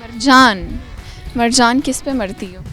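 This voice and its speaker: Higher-pitched woman host, teasing questions. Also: slow pace, over music. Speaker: street interviewer and show host. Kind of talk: casual on-camera interview.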